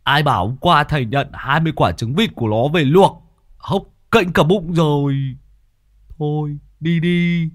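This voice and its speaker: A man's voice: fairly high pitch, measured pace, dry recording, studio quality, voice pushed up, lightly acted. A man voicing a panicky, scar-faced village man who stammers and pleads. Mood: pleading. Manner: stammering, frantic.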